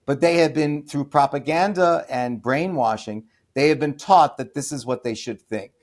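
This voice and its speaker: This American man, an author on a podcast, answers interview questions with strong opinions, frequent fillers, and false starts, then breaks into loud, contemptuous emphasis. He talks at a normal speed in a slightly high voice.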